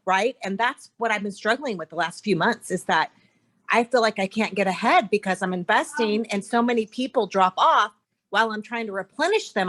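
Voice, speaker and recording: A woman with a mid-pitched voice speaks in a frustrated, searching way. She talks casually, as on a group call. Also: fairly bright tone. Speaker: group member.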